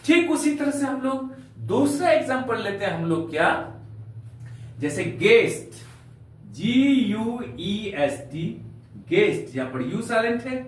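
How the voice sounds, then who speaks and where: A man's voice: high voice, sing-song, a little slow. A man teaching a spoken English lesson to students, spelling words out letter by letter and calling them dear children, recorded from a distance in a very echoey room. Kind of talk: classroom-style spoken English lesson in Hindi.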